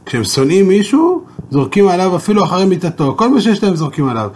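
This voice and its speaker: A man's voice: sits high, sing-song, darkish tone, voice pushed up. A man playing a furious, scolding king. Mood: mocking, accusing. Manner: raised, scolding, accusing. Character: angry, haughty gentile king.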